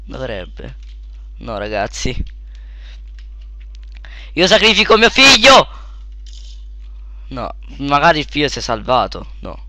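Young guy gaming at his computer, bright voice, yelps and wild pitch jumps then low mumbles, dry sound. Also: slow, pauses often, dry recording. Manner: excitable, yelps and shouts at in-game deaths, then mutters low. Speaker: let's play gamer. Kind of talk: casual gameplay commentary.

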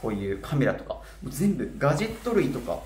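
A man's voice: mid-range voice, big pitch swings, fast, darkish tone. A man in his twenties from Japan chatting casually to camera, his articulation slightly slurred as if wearing a mouthguard. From Kitakyushu, Japan. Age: 20s. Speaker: vlogger. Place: small bare apartment room, indoors. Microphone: camera a short distance away. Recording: roomy echo with faint noise.

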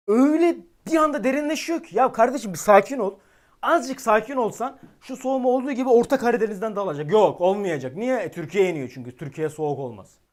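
A man giving live-stream weather commentary, excitable and exasperated, talking directly to his chat. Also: high-pitched.

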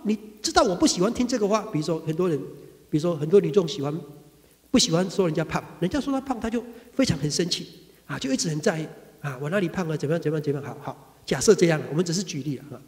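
A man with a Taiwanese Mandarin accent giving a Buddhist sutra lecture, talking conversationally and acting out everyday quarrels. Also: fast. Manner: animated, acts out quarrels with sudden high bursts. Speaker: Buddhist dharma teacher. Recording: reverberant hall.

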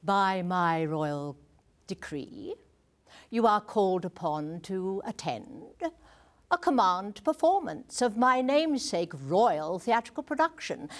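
A woman voicing a haughty, crude old queen, delivering a pompous comic royal address. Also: medium pitch. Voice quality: pompous, drawn-out regal delivery with sudden swoops. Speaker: advertising a play.

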